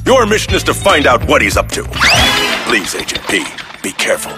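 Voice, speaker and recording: An actor playing a stiff, earnest spy-agency commander in a cartoon briefing. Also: male voice, mid-range voice, huge pitch swings, brisk. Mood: earnest, official. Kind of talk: cartoon voice acting. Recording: loud music behind the voice.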